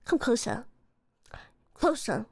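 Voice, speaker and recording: A woman voicing a sassy, intimidating veiled lady who gives slow, imperious orders. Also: a little high, lively intonation, creaky, slightly rough, no echo, studio quality, exaggerated voice. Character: sassy, commanding ghostly lady in a veil.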